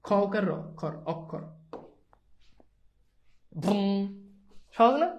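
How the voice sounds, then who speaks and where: A woman's voice: mid-range voice, expressive, drawn-out words, a little mellow, muffled recording, a little hiss or hum. A woman teaching a live online grammar lesson, quizzing her students and repeating each pronunciation several times. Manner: sprinkles English words into speech.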